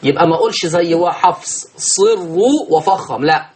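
A man's voice: a little high, lively intonation. Egyptian man teaching Quran recitation. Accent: Egyptian Arabic. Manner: explains step by step, asks and answers his own questions; slow drawn-out chanted examples. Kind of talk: teaching tajweed.

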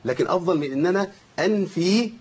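Animated Egyptian man teaching Quran recitation. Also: high voice, husky. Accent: Egyptian Arabic. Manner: animated, chants verses slowly to demonstrate, quizzes students. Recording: dull lo-fi recording.

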